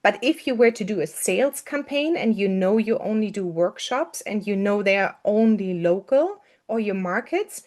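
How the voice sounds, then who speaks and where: A woman gives a casual step-by-step marketing lesson to her students. She talks in a loose, chatty way, full of fillers and self-corrections. Her voice sits at an ordinary middle pitch. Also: expressive, moderate pace, hardly any pauses, a little mellow. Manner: chatty, with frequent fillers and restarts. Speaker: marketing coach.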